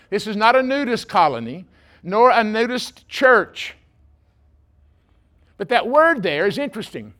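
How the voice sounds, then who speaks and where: Brief: pastor, male, light high voice, folksy humorous sermon delivery. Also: sing-song, a little slow, long pauses, a bit bright. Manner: folksy and joking, speaking directly to the congregation.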